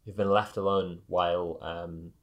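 A man narrating an improvised tabletop game as game master, with a halting, hesitant delivery. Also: deep voice, flat delivery, dull audio.

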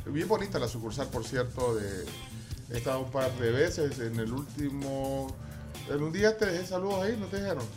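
A man's voice: medium pitch, expressive, normal speed. A Salvadoran man hosting a casual live radio chat, rambling and repeating words as he goes. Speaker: radio show host. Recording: clear music bed behind. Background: music.

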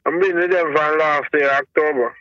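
Male, thick Jamaican accent, sharp bright tone, casual talk on a dull, dry phone line. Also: a little high, steady tone, moderate pace, dry recording. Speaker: company truck driver being interviewed. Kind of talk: casual conversation. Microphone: phone call. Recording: muffled, band-limited phone line.

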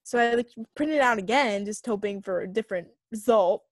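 A young woman co-hosting a podcast, telling a long story in casual chat, full of fillers and animated retellings. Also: medium pitch, fairly quick, no echo. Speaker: podcast co-host.

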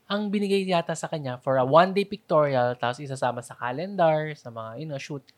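Filipina co-host, low-pitched, casual and chatty, mixes in English. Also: female voice, a little fast. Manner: chatty, asks questions, eats chips while talking. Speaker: podcast co-host. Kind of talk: casual chat.

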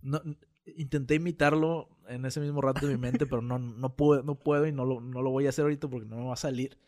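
A man's voice: mid-range voice, quick pace. A man with a northern Mexican accent from Monterrey, hosting a casual podcast and telling a story with frequent laughter. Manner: animated storyteller, laughs often. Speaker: podcast host.

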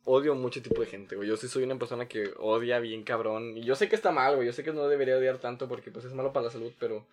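A man's voice: medium pitch, steady tone, rapid-fire, few pauses. A young man with a Mexican accent co-hosting a casual chat, ranting heatedly and swearing a lot. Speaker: podcast co-host.

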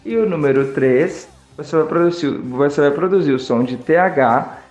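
A Brazilian man with a Brazilian Portuguese accent gives a friendly English lesson. His voice sits a little high, and he drills each word slowly so students can repeat it. The room is echoey, and faint music plays behind him. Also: darkish tone. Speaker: English teacher.

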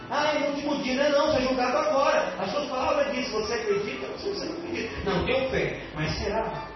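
Man, Brazilian accent, pastor, fervent sermon, high voice, booming hall echo, music underneath. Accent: Brazilian Portuguese. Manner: fervent preaching, swinging from loud exhortation to quiet asides. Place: church. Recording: echoey church hall, distant mic, dull sound, music behind.

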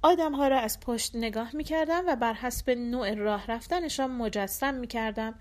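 A woman narrating a translated short story in a measured, even storytelling manner. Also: a little high. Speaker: audiobook narrator. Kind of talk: scripted literary narration.

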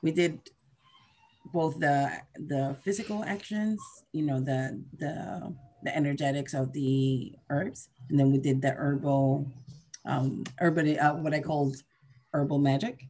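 Born in Venezuela and raised in New Jersey from age eleven, this herbalist teacher in her forties chats on a podcast, telling stories in a relaxed, conversational way. Her voice is low and a little slow, and she's expressive, repeating words and performing the quotes she recounts.

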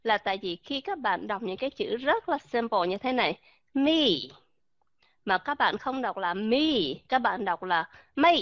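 A woman's voice: mid-range voice, expressive, moderate pace, no room sound, lo-fi sound. A woman teaching English pronunciation, demonstrating vowel sounds and asking her listeners questions. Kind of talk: pronunciation lesson.

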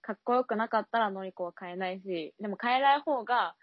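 A woman's voice: medium pitch, fast, no echo. A young woman co-hosting a casual chat show, giggling often and stumbling over sounds when she imitates them. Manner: giggly, stammers while mimicking sounds. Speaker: podcast co-host. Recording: dull lo-fi recording.

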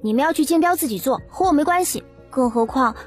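A woman's voice: sits high, animated, fast, soft background music. A woman playing a proud young wife in an audiobook drama, speaking in an indignant, pleading way. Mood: defiant.

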